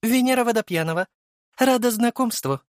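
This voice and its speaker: A man's voice: very high voice, lively intonation, a little fast, dry recording, studio quality, voice pushed up. A man reading an audiobook and voicing a teasing, mischievous young noblewoman who mocks playfully and theatrically.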